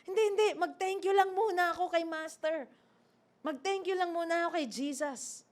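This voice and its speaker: A woman's voice: very high-pitched, moderate pace, pitched above the performer's own voice. A woman preacher voicing a man just healed, exclaiming his thanks with joy. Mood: insistent, grateful.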